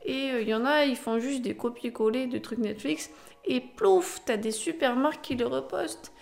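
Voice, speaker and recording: A woman's voice: high voice, normal speed, creaky, darkish tone. A young adult woman co-hosting a casual podcast debate, speaking spontaneously, teasing her partner and jumping from one idea to the next. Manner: spontaneous, teasing, jumps between ideas. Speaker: podcast co-host.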